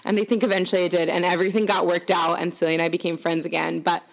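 A woman's voice: lowish voice, little pitch movement, racing, vocal fry. A young woman telling a story in casual chat, chatty and full of "like". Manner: chatty storytelling, heavy use of "like".

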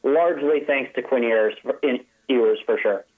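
A man's voice: medium pitch, normal speed. A man calling in as a sports writer guest, talking casually about college football, often restarting his phrases. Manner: chatty, restarts phrases, light laughs. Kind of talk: casual call-in analysis. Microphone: telephone. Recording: phone line.

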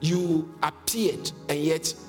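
Man preaching, fairly high voice, emphatic, quizzing the congregation, long hall reverb, faint music underneath. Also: slow. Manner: emphatic, asks the congregation questions, chuckles often. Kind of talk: sermon teaching on scripture.

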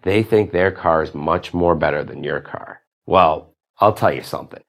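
A man's voice: deep voice, moderate pace, vocal fry. A man hosting a podcast, delivering a profane, exasperated ranting monologue. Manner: exasperated, profane, rising to outbursts. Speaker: podcast host.

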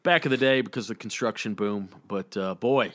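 A man's voice: on the low side, fairly quick, fairly bright tone. A man from the States, co-hosting a podcast in easygoing casual chat with plenty of hesitant fillers. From Southern United States. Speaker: podcast co-host.

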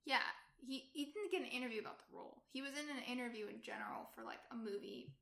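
A woman's voice: on the high side, quick pace, gravelly, fairly bright tone. A woman co-hosting a casual chat, throwing in short teasing remarks and comebacks. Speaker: podcast co-host. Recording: roomy echo.

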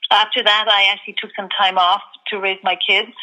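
A woman in her fifties answering interview questions in a measured, thoughtful way, often pausing to gather her thoughts. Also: mid-range voice, level tone, bright, forceful tone, poor audio. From Ireland. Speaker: guest executive.

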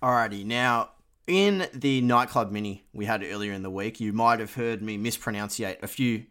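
An Australian man co-hosting a podcast with loud, matey lad banter, giving jokey betting tips in an emphatic, mock-dramatic sales pitch. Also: moderate pace, clear, resonant tone. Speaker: podcast co-host presenting a betting tips segment.

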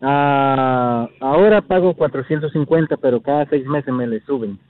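Calling in for a casual phone conversation, a man in his early thirties with a Guatemalan accent speaks hesitantly at a normal speed in a medium-pitched voice. There's no room sound, just a tinny, narrow phone line.

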